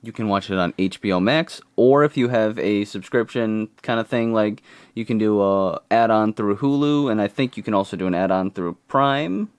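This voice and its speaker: A man's voice: lowish voice, moderate pace, smooth, no room sound. A man co-hosting a podcast, talking in a laid-back, conversational way. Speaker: podcast co-host. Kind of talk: casual podcast chat.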